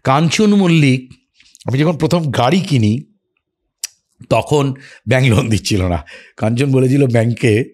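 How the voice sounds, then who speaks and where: A man tells stories in a relaxed interview, reminiscing about his career. His voice sits at a middle pitch with a husky edge, and he acts out the lines he quotes. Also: unhurried, pauses often. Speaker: actor as podcast guest. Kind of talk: casual storytelling interview.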